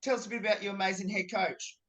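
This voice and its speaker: A man's voice: high-pitched, fairly even intonation, fast, a bit bright. A young man asking casual questions as a sports interviewer over a video call. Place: indoor room at home, video call.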